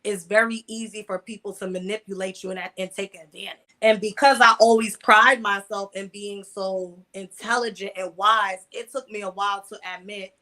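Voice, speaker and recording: Speaking at normal speed with few pauses, this online video creator has a mid-range, sharp-toned voice and fairly even intonation. The mid-twenties American guest candidly tells personal stories in an interview, using casual language and repeating words to stress a point.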